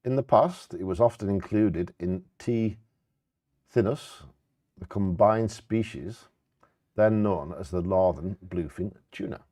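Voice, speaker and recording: A man's voice: low-pitched, unhurried, mellow, dry recording, studio quality. A man co-hosting, reading out facts informally and stumbling over scientific words.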